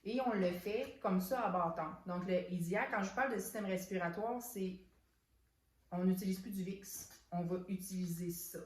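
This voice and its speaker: A woman's voice: mid-range voice, moderate pace. A woman with a Québécois accent chatting casually as she presents products, with lots of fillers and restarts. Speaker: soap shop owner presenting products. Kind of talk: casual product unboxing chat. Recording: echoey room.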